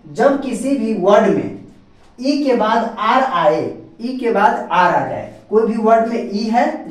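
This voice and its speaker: A man's voice: high-pitched, darkish tone. A man from hosting a spoken English lesson, explaining patiently and repeating himself, checking whether viewers follow. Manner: repetitive, checks understanding often. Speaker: English teacher and channel host. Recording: echoey room, distant mic.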